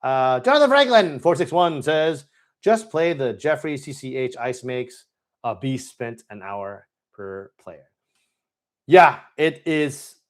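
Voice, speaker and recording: Guy hosting a live q&a stream, super excited, rambles and backtracks a lot, mid pitch. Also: takes it slowly. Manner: enthusiastic, rambling, with self-corrections. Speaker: host. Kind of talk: casual live-stream Q&A chat.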